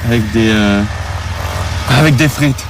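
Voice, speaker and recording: A man's voice: medium pitch, a little slow, background noise, lightly acted. A man with a Quebec French accent playing a dazed, hesitant stoned driver in a radio ad skit. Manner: sluggish, hesitant. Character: dazed, slow-witted stoned male driver.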